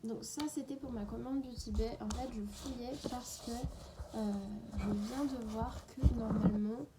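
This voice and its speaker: A woman's voice: a little high, steady tone, measured pace, very noisy. A woman in a casual, unedited beauty haul, chatting away and often dropping into a half-whisper. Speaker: beauty vlogger.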